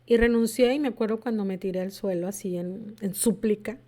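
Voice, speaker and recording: A woman's voice: mid-range voice, fairly quick, warm tone. A woman, telling her personal story to an audience in a confessional manner and acting out remembered conversations. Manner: confessional, acts out remembered dialogue. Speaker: workshop speaker sharing her story.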